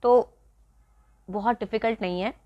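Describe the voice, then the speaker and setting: A woman's voice: on the high side, unhurried, lo-fi sound. A woman teaching spoken English, talking straight to the viewer in a casual, earnest, advising way. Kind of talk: casual spoken English lesson, mixing Hindi and English.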